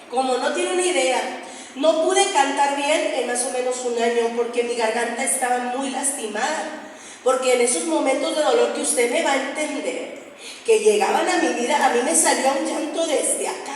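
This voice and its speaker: A woman's voice: sits high, a little hiss or hum. A middle-aged woman preaching earnestly to a women's group and having them read along. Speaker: preacher and singer. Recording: echoey hall, distant mic, faint ambience.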